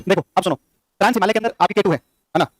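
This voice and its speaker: A male teacher lectures a class at a very fast clip, his voice pitched high. He keeps firing the same questions back at the students. The sound is close and dry. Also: no room sound. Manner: rapid, repetitive quizzing of students. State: short on sleep.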